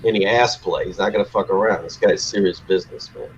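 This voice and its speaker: A man's voice: low voice, steady tone, fast talker, muffled recording, slight background noise. A man co-hosting a casual live show, joking crudely and often repeating his words. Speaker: co-host. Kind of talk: casual chat.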